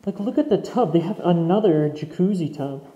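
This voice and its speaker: A young Canadian man with a high, expressive, dark-toned voice explores an abandoned mansion's basement at normal speed, chatting casually and calling his viewers "guys." He's an urban explorer host giving walkthrough commentary, and the lo-fi recording echoes through empty rooms.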